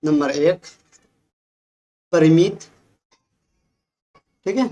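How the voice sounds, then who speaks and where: Woman maths teacher, Bihari Hindi accent, low voice, steady patient classroom talk. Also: extremely slow. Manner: patient, repeats "ठीक है" and checks with the class.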